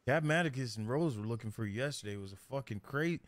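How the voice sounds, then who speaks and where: Brash, cussing roleplayer guy, mid pitch, says brother a lot. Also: lively intonation, rapid-fire, dry recording. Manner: brash, swearing, calls everyone brother. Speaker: roleplayer and streamer. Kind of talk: in-character roleplay chat.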